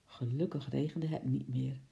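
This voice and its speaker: Een verteller leest een kinderboek voor, levendig en expressief. De stem is heel donker, zacht en warm van klank. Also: mid-range voice, normal speed, gravelly, highs cut off. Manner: lively, expressive reading. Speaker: narrator. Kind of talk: storybook reading.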